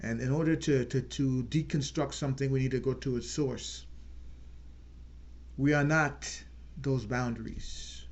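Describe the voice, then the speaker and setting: A man hosts his own channel, speaking earnestly and without a script about politics. His voice is medium-pitched and steady, and he slows down to stress key words.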